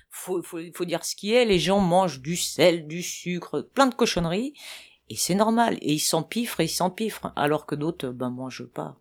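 A woman's voice: lowish voice, expressive, moderate pace, darkish tone. A woman from France answering street interview questions, hesitant, with many fillers and restarts. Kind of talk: vox pop interview answers.

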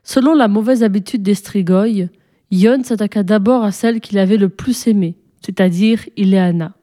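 A woman narrating a folk tale expressively, slowing and hushing her voice at tense moments. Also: medium pitch. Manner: expressive, dramatic pacing, hushed at tense moments. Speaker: storyteller. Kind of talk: scripted story narration.

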